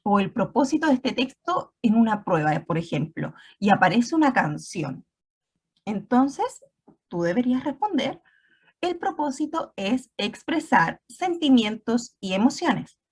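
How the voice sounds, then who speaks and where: A woman's voice: fairly high pitch, big pitch swings, measured pace, husky. A woman teacher giving an online class, explaining step by step and often checking in with her students.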